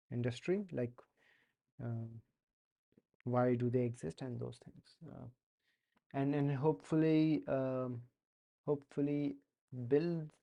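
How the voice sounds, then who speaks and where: Gravelly and mellow, this medium-pitched voice belongs to a young Indian-accented streamer who is learning to code. He talks casually as he codes live, hesitant and full of fillers and restarts.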